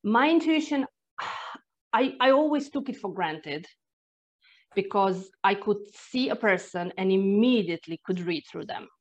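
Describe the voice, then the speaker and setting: In a mid-range, expressive voice that runs a little slow, this Croatian guest, an energy therapist speaking accented non-native English, shares personal anecdotes in conversation. Her tone is earnest and introspective, marked by sighs and restarts, over dull lo-fi audio.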